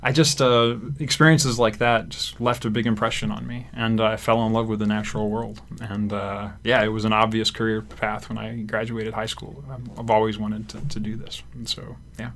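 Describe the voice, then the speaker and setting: A young graduate student raised in Africa, from Zimbabwe and Kenya, talks through a casual radio studio interview in a relaxed, rambling way with lots of fillers. His voice is fairly low, at normal speed with few pauses.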